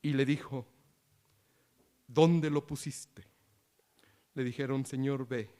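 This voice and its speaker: A man preaching a sermon, reading scripture quietly and rising into loud appeals with questions to the congregation. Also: mid-range voice, steady tone, takes it slowly. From Latin America.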